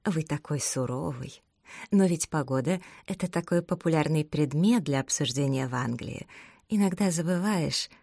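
A woman voicing a gentle, fluttery, chatty old lady who talks politely. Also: sits low, normal speed, creaky, dry recording, studio quality.

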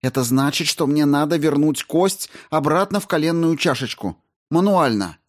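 Guy doing a woman astrobiologist in a storybook, firm and urgent, pitched up high. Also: lively intonation, moderate pace, darkish tone, lightly acted. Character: woman astrobiologist, calm and commanding medic.

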